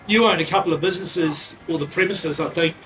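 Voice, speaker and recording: A New man hosting a loose interview, asking teasing, prodding questions. His voice is notably high for a man, with faint music underneath. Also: fairly quick, rough recording. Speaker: host. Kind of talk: casual interview chat.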